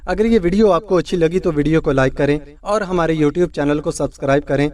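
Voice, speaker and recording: A man narrating a story in a steady, plain storytelling manner from a script. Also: on the high side, distant mic.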